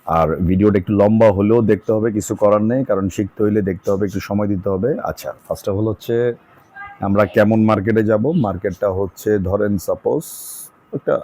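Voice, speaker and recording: A man's voice: fairly low pitch, normal speed, dark tone, no echo. A man giving a casual trading lesson over his screen, chatty and repetitive, with many fillers. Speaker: trading tutor.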